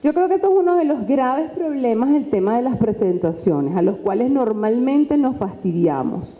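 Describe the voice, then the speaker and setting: Lively woman lecturing in a hall. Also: on the high side, moderate pace. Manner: lively, conversational, acts out quoted dialogue. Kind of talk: lecture on presentation skills. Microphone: handheld microphone. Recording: dull sound with long hall reverb.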